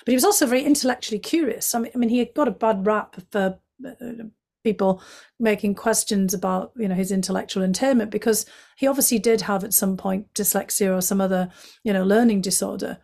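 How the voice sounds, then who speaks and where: This guest is a former intelligence analyst, a middle-aged woman from County Durham in England whose Northeast English accent comes through clearly. Her medium-pitched voice moves briskly, with vocal fry and a slightly mellow quality. She responds to the interviewer fluently and openly, with plenty of fillers.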